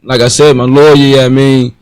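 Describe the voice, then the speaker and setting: A man in his twenties with a Baltimore accent, a guest answering slowly and haltingly, full of fillers. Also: medium pitch, little pitch movement, a crowd in the background, low-quality recording. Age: 20s. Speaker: guest rapper. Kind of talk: casual interview chat.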